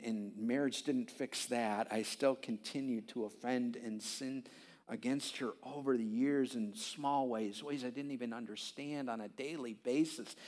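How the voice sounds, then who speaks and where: Animated pastor, a man in his fifties. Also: mid-range voice. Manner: animated storytelling, voice leaps up when reenacting his own pleas; halting restarts and repeated words. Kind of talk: conversational sermon.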